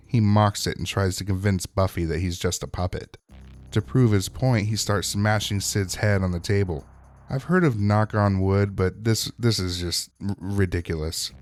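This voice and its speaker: A man with a lowish, slightly mellow voice hosts a TV episode recap show. He narrates a scripted recap and review of an episode in a wry, opinionated style.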